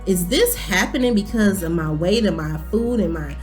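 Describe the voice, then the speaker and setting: A woman in her thirties chatting casually to camera as a vlogger, animated and full of ums. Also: medium pitch, moderate pace, faint music behind. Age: 30s.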